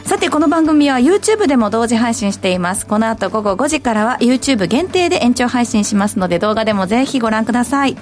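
A woman hosting a radio market show, reading announcements in a clear, polite announcer manner. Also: on the high side, lively intonation, brisk, few pauses, faint music behind.

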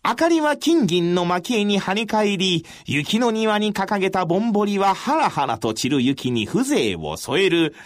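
A male storyteller giving a traditional storytelling performance in a measured, formal recitation with dramatic pauses. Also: high-pitched, very animated, no echo, studio quality.

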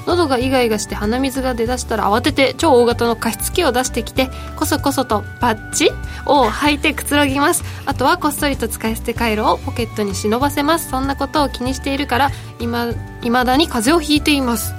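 Quick high-voiced woman on radio reading out mail, faint music. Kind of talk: casual radio chat.

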